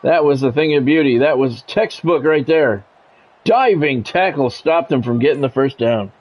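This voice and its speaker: With a mid-range voice at normal speed, a man gives football play-by-play commentary and casual reactions for a video game stream. He's blunt and conversational, and the sound is lo-fi.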